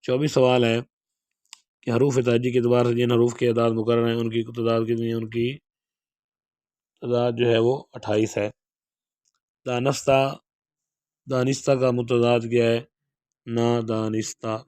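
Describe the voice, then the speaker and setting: A Pakistani Urdu lecturer works through model paper answers in an exam-prep lesson, reading each question aloud before explaining its answer. His medium-pitched voice moves steadily, broken by long pauses, and the recording has no echo.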